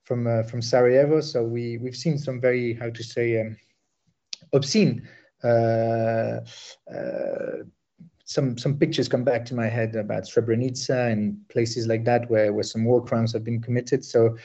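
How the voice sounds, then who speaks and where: A man originally from Bosnia, a war correspondent reporting from the field, speaking haltingly with many fillers and restarts. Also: mid-range voice, steady tone, warm tone, lo-fi sound.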